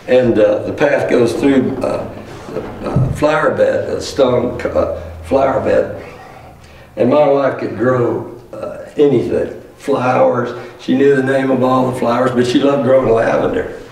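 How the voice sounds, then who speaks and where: Male cowboy poetry reciter, rancher type, plain storyteller, fry in the voice, heavily reverberant room. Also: medium pitch, steady tone, unhurried, darkish tone. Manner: plain-spoken rhymed storytelling. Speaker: rancher poet telling stories on stage. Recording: roomy echo, distant mic, faint noise.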